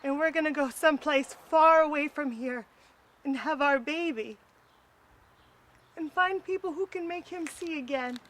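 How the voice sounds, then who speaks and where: A woman's voice: high voice, normal speed, fairly bright tone. An actress playing a determined young pregnant woman who speaks firmly and resolutely. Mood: defiant. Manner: firm, resolute.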